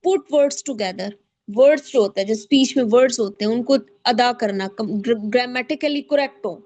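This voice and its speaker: Female guest lecturer, slightly high-pitched, patient explainer who repeats and restarts phrases. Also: moderate pace, a little mellow. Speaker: guest speaker, child psychologist.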